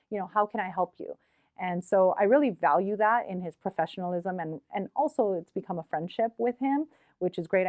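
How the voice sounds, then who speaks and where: Middle-aged woman talking about a friend, heartfelt, lots of ums, lowish voice, dry close sound. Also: darkish tone, dry recording. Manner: earnest, heartfelt, with frequent hesitations. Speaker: community art shop and gallery organizer. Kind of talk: documentary interview.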